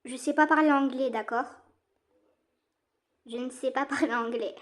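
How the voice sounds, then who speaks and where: A young woman from France giving casual, excitable commentary while she plays a game online, repeating herself and using slang. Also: high-pitched, moderate pace. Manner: slangy teen talk. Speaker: gaming streamer.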